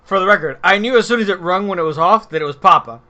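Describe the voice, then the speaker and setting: A man's voice: high-pitched, fast talker, bright, forceful tone. A man playing a tabletop game in a dry, wry voice. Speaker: player.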